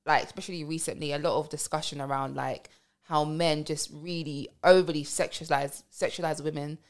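A woman's voice: low-pitched, steady tone, brisk. A woman, talking through her opinions in a casual debate. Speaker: music artist.

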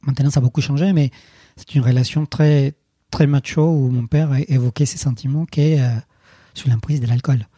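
Man in his 30s, guest storyteller, very dark husky tone, halting delivery. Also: mid-range voice, steady tone, no room sound, clean studio sound. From Colombia. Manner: halting, many restarts and fillers. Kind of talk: personal storytelling interview.

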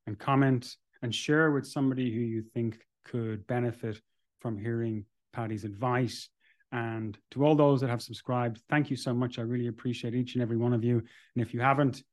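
A man's voice: mid-range voice, dry recording, studio quality. A man hosting a podcast interview, friendly and grateful, asking long, winding questions. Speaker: podcast host.

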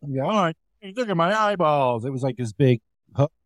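Man, comedian, casual anecdote, acts out voices, slightly high-pitched, dry recording. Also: expressive, a little fast, dry recording. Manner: storytelling, acts out other people's voices. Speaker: comedian guest.

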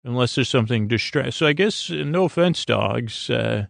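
This is a male sleep-podcast host with a creaky, mid-pitched, expressive voice, meandering through a whimsical bedtime ramble. He hesitates, stops and starts, and lets sentences trail off, all captured in a completely dry recording with no room presence.

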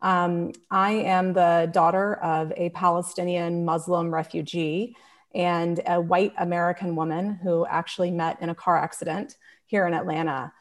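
Earnest woman panelist, reflective, voice a little low. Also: little pitch movement, normal speed. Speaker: panelist, founder. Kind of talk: panel introduction.

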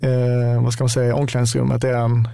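A man speaking with a Scanian Swedish accent, talking casually and hesitantly as a football player guest. His voice is gravelly and rather flat in pitch. The recording is close and dry. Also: no room sound. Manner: relaxed, hesitant with many fillers. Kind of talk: casual podcast chat.

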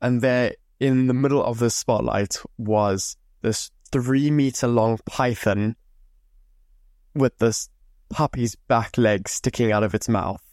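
A young Zimbabwean man hosts a podcast, speaking at a mid-range pitch with a slow pace and a darkish tone. He tells stories in a loose, chatty monologue, swearing freely into a close mic with no echo.

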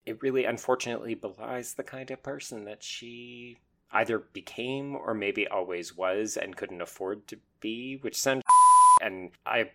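A man talks through a casual podcast chat with an average-pitched voice. He is opinionated and laughs easily, mixing firm judgments with jokes. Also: unhurried, bright, forceful tone. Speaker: podcast host.

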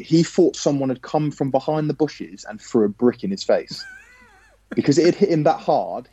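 A man, a professional footballer, telling a lively anecdote as a podcast guest, casually swearing now and then. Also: medium pitch, breathy edge, dry recording, muffled recording.

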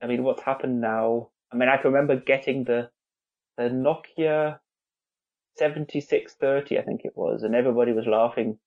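With a medium pitch, fairly even intonation and normal pace, this English man in his forties talks as a guest on an interview podcast. He runs visuals at a newspaper, and his conversational answers are peppered with restarts and fillers. The audio sounds narrow and tinny.

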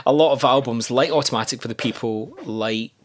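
A man's voice: medium pitch, brisk, background noise. A middle-aged man with a Scottish accent, chatting casually as a podcast co-host about pop music, with lots of fillers and restarts.

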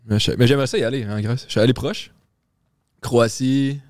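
A man's voice: mid-range voice, fairly even intonation, a little fast, darkish tone, dry recording, clean studio sound. A man with a Quebec French accent, a guest comedian in a casual, joking podcast chat.

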